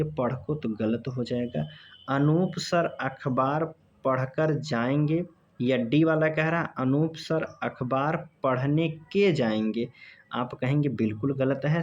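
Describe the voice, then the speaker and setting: A man teaching an exam-prep grammar lesson, reading each sentence and option aloud slowly and repeating it. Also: medium pitch, darkish tone. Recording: dull lo-fi audio.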